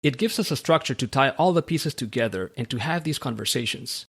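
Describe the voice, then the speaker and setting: Measured podcast host. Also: male voice, medium pitch, expressive, fairly bright tone, breathy edge. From Central America. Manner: measured, read-aloud delivery. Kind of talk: scripted podcast monologue and interview.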